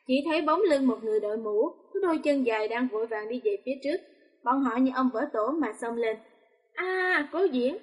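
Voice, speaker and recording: A woman narrating a romance novel audiobook in a steady, even reading voice. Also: high-pitched. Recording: long reverb.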